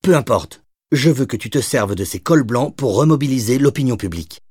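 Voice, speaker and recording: A man's voice: medium pitch, lively intonation, a little fast, darkish tone, breathy edge, no room sound, studio quality, voice pushed up. A man voicing a blunt, insistent female police detective in an audiobook.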